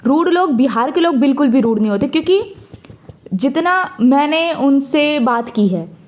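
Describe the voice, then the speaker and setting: A woman's voice: sits high, animated, normal speed. A young woman teaching exam current affairs in a casual, chatty way, mixing English words into her talk and speaking straight to her students. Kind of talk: casual lesson with memory tricks.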